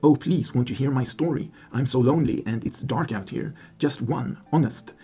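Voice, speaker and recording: A man's voice: mid-range voice, normal speed, mellow, husky. A man voicing a lonely, sing-song jack-o'-lantern creature that pleads with passers-by. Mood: pleading.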